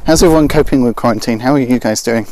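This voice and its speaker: A man's voice: mid-range voice, fast, mellow, slight background noise. A man, a landscape photographer chatting casually to viewers on a live stream, in a wry, rambling way with joking asides. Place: open heath outdoors at dusk.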